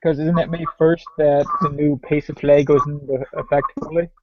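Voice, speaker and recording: A man's voice: fairly high pitch, flat delivery, normal speed, no echo. Wry man on a dry, lo-fi podcast. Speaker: podcast co-host. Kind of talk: casual chat. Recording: dry, dull lo-fi podcast audio.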